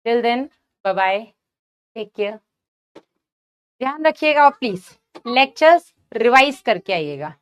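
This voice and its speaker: A woman's voice: on the high side, lively intonation, slow pace, long pauses, smooth. Patient woman biology teacher. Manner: patient, explanatory, calls students "beta"; mixes English terms into speech. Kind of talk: online exam-prep lecture.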